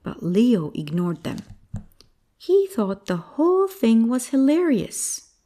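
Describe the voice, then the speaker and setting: A woman narrates a children's bedtime fable at an unhurried pace. Her voice rises and falls in a lively way as she tells the story gently and expressively. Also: fairly high pitch.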